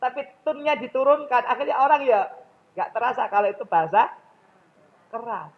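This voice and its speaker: Man, Javanese accent, high voice, mosque lecture, dull lo-fi recording. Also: lively intonation, fast. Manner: questions the audience directly. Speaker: public speaking trainer.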